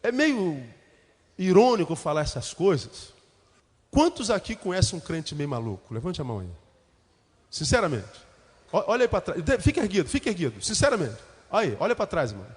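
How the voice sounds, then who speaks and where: A man's voice: sits high, very animated, normal speed, slightly rough, long reverb tail. A Brazilian male pastor preaching a sermon, telling humorous stories and then rising into fervent rhetorical questions. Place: church.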